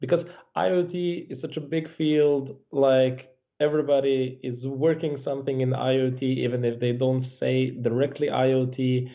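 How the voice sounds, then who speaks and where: A man's voice: medium pitch, flat delivery, normal speed, hardly any pauses. Hesitant male host moderating Q&A. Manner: hesitant, full of fillers. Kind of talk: casual Q&A moderation. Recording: tinny phone-like online stream audio.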